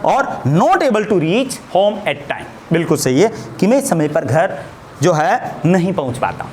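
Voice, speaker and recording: Slow, lively-voiced Indian English teacher. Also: male voice, sits high, a little hiss or hum. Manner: slow, drawn-out explaining, repeating words one at a time. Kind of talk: spoken English lesson in Hindi.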